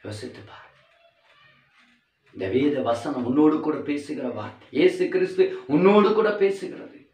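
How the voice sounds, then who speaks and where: Male preacher, fervent to hushed delivery, higher-pitched voice, recorded from a distance in a reverberant room. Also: lively intonation, moderate pace, soft background music. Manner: rising to loud fervent calls, then dropping to soft near-whispers. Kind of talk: sermon.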